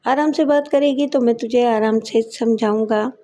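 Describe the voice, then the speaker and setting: Woman doing a rough threatening husband. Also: on the high side, fairly even intonation, mellow, close to an everyday voice. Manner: gruff threats, then pleading. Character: rough, bullying servant husband, grown man.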